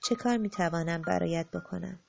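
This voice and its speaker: A woman voicing a small, eager, curious spirit in an audiobook, talking excitedly. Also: vocal fry, muffled recording, soft background music. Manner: eager, excited, raised and higher.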